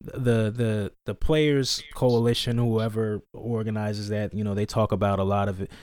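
Laid-back man thinking aloud, low voice. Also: level tone, moderate pace, a little mellow. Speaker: podcast co-host. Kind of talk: casual chat.

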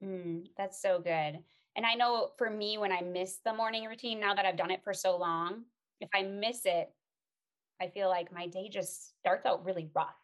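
Woman, podcast host, upbeat and affirming, casual interview chat, mid-pitched voice. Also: steady tone, normal speed.

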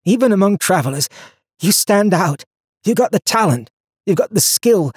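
A man's voice: high-pitched, lively intonation, normal speed, darkish tone, slightly rough, no room sound, studio quality, voice pushed up. A man reading an audiobook, voicing an admiring young man who talks eagerly. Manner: eager, then sleepy.

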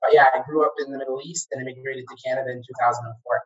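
In a conversational interview, a guest who once ran a franchise, an Egyptian man raised in Kuwait, looks back on his early working years. He speaks very fast with a medium pitch, fairly even intonation, and a fairly bright tone, hesitating often with fillers and restarts. The recording sounds distant, dull, and lo-fi.

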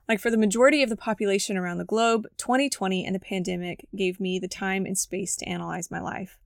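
Reading her own story from a script for a faith podcast, a woman sounds earnest and reflective. Her mid-range voice is scratchy and creaky, captured with studio quality and no echo.

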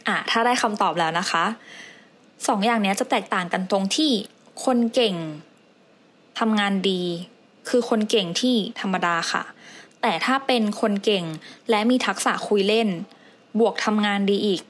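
A woman's voice: mid-range voice, normal speed. Woman, book summary presenter, polite, chatty, casual explaining tone. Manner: polite, chatty, with fillers and polite particles.

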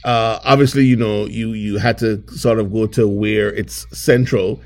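A man's voice: on the low side, unhurried. Man hosting an interview show. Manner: lively, repeats words and restarts often as he asks questions. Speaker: show host. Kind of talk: narrated intro and interview.

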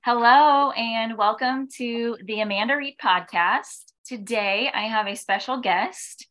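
A woman's voice: fairly high pitch, slow, fairly bright tone. Upbeat woman in her thirties, podcast host, encouraging casual delivery. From American Midwest.

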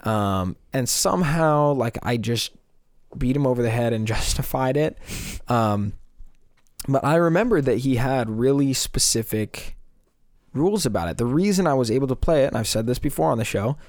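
A man's voice: medium pitch, animated, moderate pace, darkish tone, dry recording, clean studio sound. A young man co-hosting a podcast, talking casually with many fillers as he argues a point. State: voice still recovering from losing it. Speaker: podcast co-host. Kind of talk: casual discussion.

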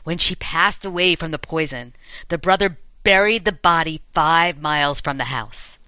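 A woman's voice: low-pitched, normal speed, sharp tone, clear, resonant tone, no echo, rough recording. A woman hosting a chat, telling campfire horror stories in a dramatic, playful way. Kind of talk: storytelling in casual chat.

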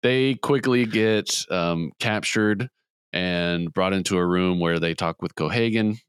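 A man hosting a podcast, casually retelling a movie plot with quick voiced quotes. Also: low-pitched, clear, resonant tone, dry recording, studio quality. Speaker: podcast host. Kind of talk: casual movie recap chat.

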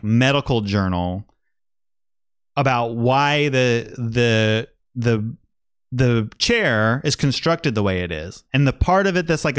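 A man's voice: medium pitch, clean tone, dry recording, studio quality. A man co-hosting a casual podcast, rambling with many fillers and laughing often. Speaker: podcast co-host. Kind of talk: casual chat.

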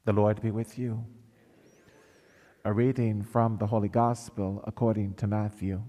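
A male priest leading Mass with measured, solemn reading and sung acclamations, his voice ringing with a cathedral echo in a large church. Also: lowish voice, level tone, dark tone. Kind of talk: liturgical reading and chanting at Mass. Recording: long church reverb.

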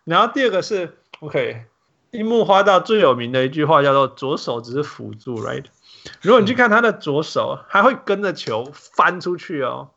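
A man hosting a casual podcast chat, switching freely between Mandarin and English in an animated way. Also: a little high, moderate pace, vocal fry, lo-fi sound. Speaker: podcast host.

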